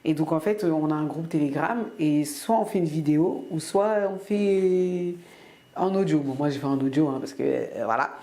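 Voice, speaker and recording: A woman's voice: sits low, moderate pace, warm tone. A woman from France chatting casually to camera in her weekly vlog, rambling with many fillers and restarts. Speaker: vlogger.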